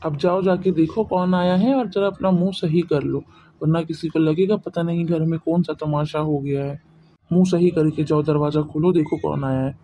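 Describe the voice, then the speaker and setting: A calm middle-aged father-in-law from an animated family story. His voice is mellow and he talks in a soothing, reasoning way. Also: a little high, normal speed. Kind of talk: cartoon story voice acting.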